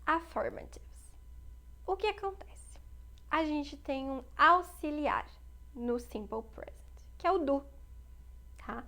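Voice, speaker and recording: High-voiced woman teaching English slowly. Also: a bit bright. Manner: slow, careful model phrases repeated for learners; checks in with "tá?" and "right?". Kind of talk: online English lesson.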